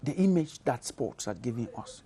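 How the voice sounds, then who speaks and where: A man's voice: medium pitch, animated, moderate pace, warm tone. Cameroonian man hosting a panel. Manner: leading questions, affirming guests. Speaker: host. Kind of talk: studio panel discussion.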